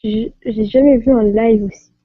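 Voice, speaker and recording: A woman's voice: on the high side, fairly even intonation, normal speed, breathy edge, no room sound, narrow, tinny audio. Flustered French woman laughing on a stream. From France. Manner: laughing often, flustered by technical trouble. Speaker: live stream host. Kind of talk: casual live stream chat. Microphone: phone.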